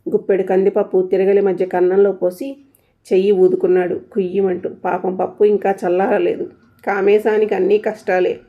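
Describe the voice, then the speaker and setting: A woman narrating a humorous family story in a steady, even reading voice with a light comic touch. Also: medium pitch, normal speed, dull audio.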